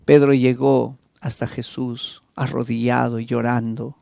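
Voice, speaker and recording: A man with a Peruvian accent preaching an evangelistic sermon as a pastor, telling the story with dramatic swings between loud and soft. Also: flat delivery, a little slow, gravelly, dry recording. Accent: Peruvian Spanish. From Peru. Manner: emotive, dramatic storytelling with wide swings in pitch and loudness.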